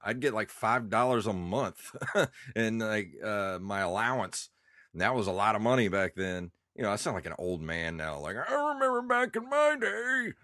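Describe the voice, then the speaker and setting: A congested man in his thirties rambles nostalgically as a podcast co-host, his voice sitting very low. The sound is dry and close, with no room around it. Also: normal speed, fairly bright tone, dry recording. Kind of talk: casual chat.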